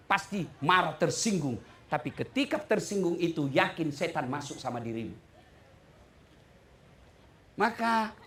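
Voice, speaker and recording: Makassar-accented male preacher, bright forceful tone, jokey sermon, pitch swinging wide. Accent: Makassar Indonesian. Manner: joking, animated, rhetorical questions. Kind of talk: humorous sermon.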